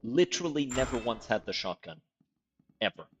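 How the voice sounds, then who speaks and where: Very animated and speaking at normal speed in a mid-range voice, a Portuguese man with a South African-tinged English accent streams a game, reading chat and commenting live. His manner is casual and profane, punctuated by sudden loud yelps of surprise.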